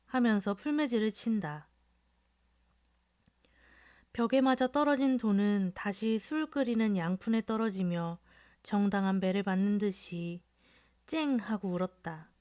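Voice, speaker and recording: A woman narrating a classic story in a calm bedtime reading. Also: mid-range voice, unhurried, long pauses. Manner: soft, even storytelling.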